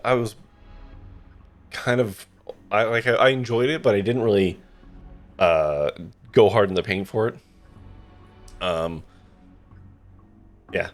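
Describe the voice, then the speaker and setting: Guy streaming a game, casual chat, lowish voice, lively swings, music behind. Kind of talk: casual chat while playing.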